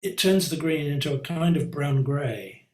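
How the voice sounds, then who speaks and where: A man's voice: a little high, expressive, moderate pace. Man teaching painting over a roomy call. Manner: reflective, conversational, lots of ums and self-asides. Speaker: art teacher. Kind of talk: live online painting class. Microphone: computer mic on a video call.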